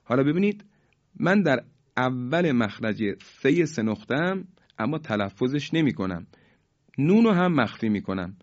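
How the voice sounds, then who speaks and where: A man teaching Quran recitation rules, formal and polite, drawing out the example words slowly for listeners to repeat. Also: mid-range voice, big pitch swings, highs cut off. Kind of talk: tajweed lesson with recited examples.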